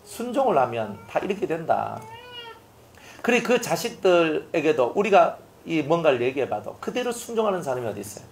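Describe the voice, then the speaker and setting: A man's voice: on the high side, sing-song, normal speed, slight background noise. A male pastor preaching a sermon, telling stories and acting out the lines of the people in them. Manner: storytelling, acting out quoted lines.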